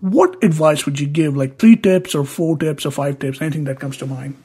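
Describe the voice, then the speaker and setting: A man's voice: on the high side, normal speed, mellow, slightly rough. A man with a non-native English accent hosts a casual interview, phrasing his questions in a hesitant, conversational way. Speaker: podcast host interviewer.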